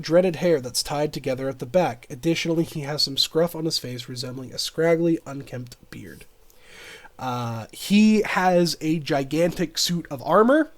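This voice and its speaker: A man narrating a tabletop game as game master, chatty and often laughing between descriptions. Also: on the high side.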